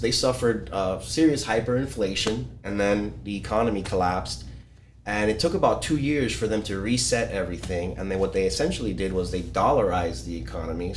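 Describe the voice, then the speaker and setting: A man's voice: on the low side, fairly quick, reverberant. A man from Ecuador talking casually as a guest, explaining things with many fillers and restarts. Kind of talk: casual podcast conversation. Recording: faint background noise.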